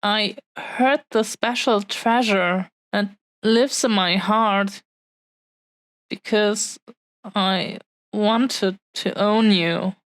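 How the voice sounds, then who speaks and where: The audio quality is poor, though there's no echo, as a woman with a mid-range voice performs an intimate roleplay. Playing an adoring, possessive dragon-blooded fiancée, she delivers her lines in halting, sincere, heartfelt bursts.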